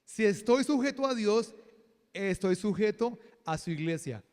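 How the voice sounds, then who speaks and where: High-voiced pastor joking through a sermon, echoey church hall. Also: male voice, measured pace, clean tone. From Colombia. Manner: lively, joking, with laughs and acted quotes.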